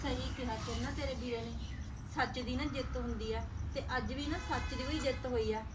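Brief: high-pitched Punjabi-accented actress as a jealous sister-in-law, accusing and indignant. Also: female voice, steady tone, fairly quick, far from the mic, loud music behind the voice, lightly acted. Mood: remorseful. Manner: accusing, then shrill and indignant. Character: scheming sister-in-law, jealous and sharp-tongued. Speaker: elder brother's wife in a family drama. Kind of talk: Punjabi short film acting.

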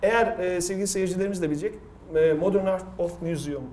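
High-voiced middle-aged male quiz host. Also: steady tone, quick pace, darkish tone, a little hiss or hum. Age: middle-aged or older. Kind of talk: casual storytelling and quiz hosting. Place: studio table, indoors.

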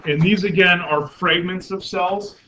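A man's voice: sits high, fairly even intonation, unhurried, bright, forceful tone. A man giving a university anatomy lecture, explaining step by step with many fillers and self-corrections and asking the class questions. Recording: muffled lo-fi classroom recording with faint noise.

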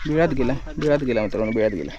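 A young man, vlogging in casual chat outdoors on a rural plateau, addressing viewers directly and often dropping to a soft murmur. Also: mid-range voice, animated, racing, a crowd in the background. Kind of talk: casual outdoor vlog narration. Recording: dull, muffled outdoor audio with faint nature noise.

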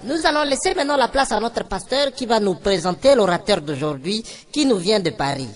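A man voicing an eager church announcer in a rushed falsetto. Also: sing-song, a faint crowd.

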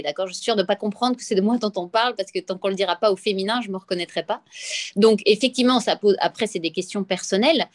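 A woman giving a webinar talk on negotiation over a video call. Her delivery is direct and lively, with pointed questions and worked examples. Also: medium pitch. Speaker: professional negotiator.

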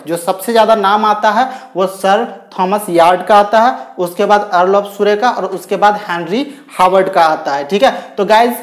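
A young man giving a chatty video lecture on poetry to students, often saying "guys" and "okay". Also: high voice. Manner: chatty, repeats "theek hai" and "guys" often. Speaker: English literature teacher.

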